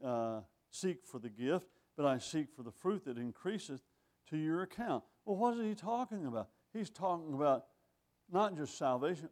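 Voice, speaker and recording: Older preacher, wry and conversational. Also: male voice, a little high, darkish tone. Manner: conversational, wry, rhetorical questions; reads scripture in older phrasing. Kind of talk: sermon.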